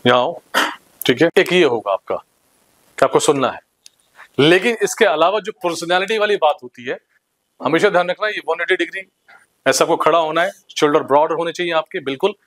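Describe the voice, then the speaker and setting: A young man giving a motivational seminar talk to students in an institute hall, energetic and teasing, ordering the crowd about. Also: on the high side, moderate pace, pauses often. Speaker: motivational speaker.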